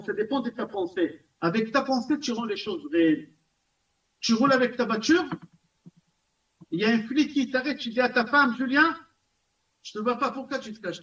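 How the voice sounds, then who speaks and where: High-voiced rabbi lecturing from afar. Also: male voice, normal speed. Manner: animated, repetitive, asks the audience questions. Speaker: rabbi teaching a class. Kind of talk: recorded Torah class lecture. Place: community center classroom. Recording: distant, dull lo-fi room recording.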